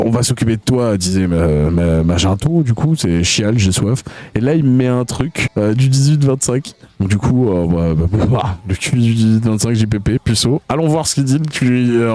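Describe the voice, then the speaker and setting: A man's voice: medium pitch, animated, normal speed, warm tone, dry recording. A man streaming live, reading out chat messages in a crude, mocking way, with lots of hesitant fillers.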